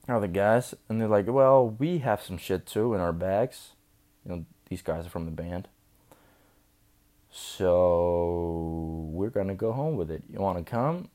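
A young vlogger, drunk and slurring, rambles through a profane story in a loose, chatty way. His voice sits low and has a warm tone.

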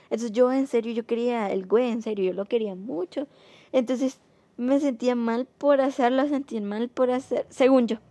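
A young woman telling a personal story in a casual, rambling way, with many fillers, mostly soft and subdued but rising when frustrated. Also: fairly high pitch, steady tone, normal speed, dry recording. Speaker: vlogger.

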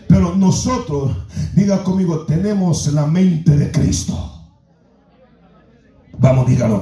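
A man preaching a fervent Pentecostal sermon, shouting and half-singing his lines and calling on the church to say amen. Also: high-pitched. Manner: tongues-like exclamations. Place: church sanctuary. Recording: echoey church from far off, music.

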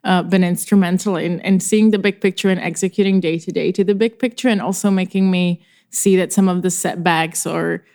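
A woman in her thirties with a low-pitched voice, from the former Soviet Union, speaks as a podcast guest. She talks thoughtfully about her business and often restarts her sentences. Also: fairly even intonation, a little fast, darkish tone. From former Soviet Union, Czech. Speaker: entrepreneur guest. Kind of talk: podcast interview.

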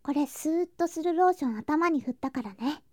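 This woman voices a playful, loving younger girl cousin in an intimate ASMR drama, speaking tenderly and coaxingly, sometimes whispering or lapsing into singsong. Her high voice is animated and brisk. The audio is clean studio sound without any room sound.

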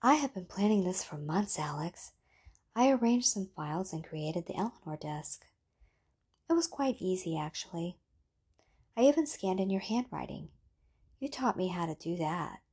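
A seductive, possessive female computer from an audiobook tale, voiced by a woman reader. She coaxes in a soft, ethereal murmur, low in pitch and slightly breathy. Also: animated, normal speed. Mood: calm, controlling.

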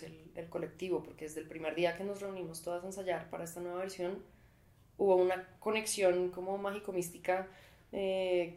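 A woman's voice: lowish voice, a little mellow. A woman with a Colombian accent talking casually and reflectively in an interview. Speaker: musician in a women's collective. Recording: echoey, reverberant room.

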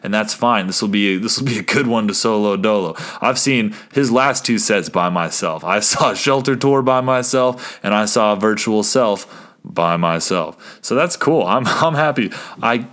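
A young man hosting his own small podcast, talking casually and excitedly, rambling with restarts and asides to listeners. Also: on the low side, unhurried. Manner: rambling and excitable, many restarts and "you guys". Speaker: podcast host. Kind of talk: casual solo podcast talk.

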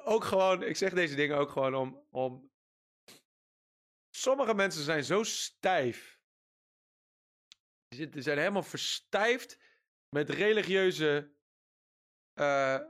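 A man preaching a sermon in a lively, emphatic way, reading scripture aloud and laughing often at his own jokes. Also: fairly high pitch.

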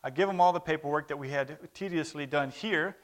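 Speaking a little fast in a higher-pitched voice, this thirtysomething man raised in Brazil, whose first language is Portuguese, delivers a chatty missionary update to a congregation, inviting amens as he goes.

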